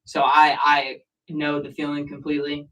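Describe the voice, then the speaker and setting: A man co-hosting a casual sports chat who talks in an excitable, emphatic, slangy way. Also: on the high side, moderate pace, recorded from a distance, low-quality recording. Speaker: sports show co-host.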